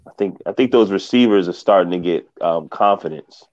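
Deep-ish guy guest on a sports pod, laid back, muffled lo-fi sound. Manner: relaxed, halting, chuckles often. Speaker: podcast guest. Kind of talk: casual sports picks chat. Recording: dull lo-fi audio.

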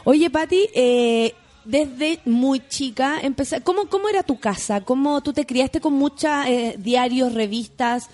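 A woman's voice: high voice, measured pace, few pauses. Enthusiastic Chilean woman interviewer. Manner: warm, enthusiastic, rambling questions. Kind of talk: casual interview chat.

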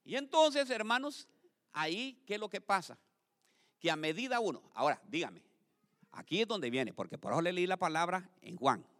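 Animated preacher man in a reverberant hall. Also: sits high, moderate pace. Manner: animated, rising to loud emphatic peaks; addresses congregation directly, calls for repetition. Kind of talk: sermon. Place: church.

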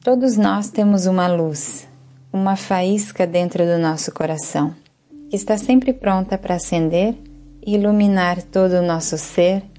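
A woman whose voice is on the low side leads yoga nidra as the instructor, speaking calmly, soothingly, and without hurry in a Brazilian Portuguese accent. Slight background noise can be heard.

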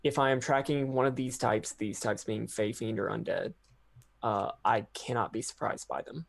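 Creaky-voiced man explaining rules. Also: mid-range voice, fairly even intonation, normal speed. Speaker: player in a tabletop game.

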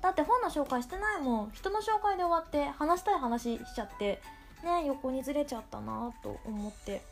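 With a high voice, lively intonation and a slightly fast pace, a woman hosts a casual solo podcast over soft background music. Her cute, girlish, anime-like voice wanders through playful, self-deprecating rambling.

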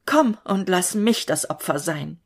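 A woman voicing a wild, greed-crazed male fisherman who shouts in frenzy. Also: fairly low pitch, lively intonation, unhurried, creaky, full character voice. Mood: despairing. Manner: frantic, shouting.

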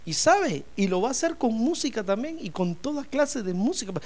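A fervent male preacher delivers a sermon in a high voice that leaps up and down in pitch. He keeps calling his listeners brother and slips into the voices of the people he quotes, so the delivery stays theatrical and lively throughout. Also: normal speed.

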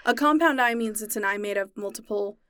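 A woman's voice: mid-range voice, a little fast, sharp tone, dry recording, studio quality. A young woman co-hosting a casual podcast, explaining insect biology in detail with a chatty, knowledgeable manner. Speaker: podcast co-host explaining science. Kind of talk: casual chat.

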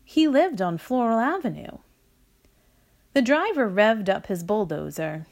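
A woman reading a children's story aloud, with a slow, expressive delivery. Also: a little high.

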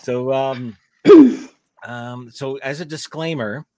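A man's voice: mid-range voice, animated, takes it slowly, mellow, no room sound. A man co-hosting a casual talk show, rambling through announcements with many fillers. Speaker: co-host. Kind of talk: casual podcast chat.

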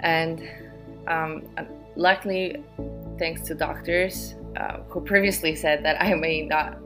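A young woman, hosting a podcast and telling her own story in an earnest, halting way. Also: low-pitched, steady tone, over music. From Poland. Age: 20s. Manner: earnest, halting, with many pauses and fillers. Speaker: podcast host. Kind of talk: personal talk to listeners.

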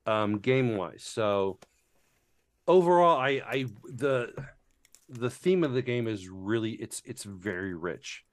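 A man's voice: mid-range voice, expressive, slow. Rambling man chatting about board games. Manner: rambling, many fillers and restarts, swears casually. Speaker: board game reviewer. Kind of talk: casual chat.

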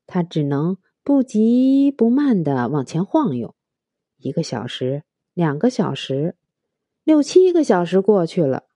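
A woman narrating a storybook tale in an expressive, unhurried reading. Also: fairly low pitch, no room sound.

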